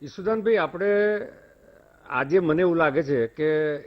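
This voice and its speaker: A man speaks as a guest on a TV news debate, with a Gujarati accent. His tone is formal and courteous, and his pitch is a little raised. His audio comes over a dull, muffled remote line. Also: unhurried. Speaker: debate guest, industry-side panelist. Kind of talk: measured debate commentary.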